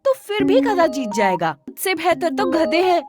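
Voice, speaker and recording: A bratty schoolgirl, played by a woman hurls taunts in a very high voice that swoops up and down. She cackles at her own insults over clear background music. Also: big pitch swings, moderate pace. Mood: taunting.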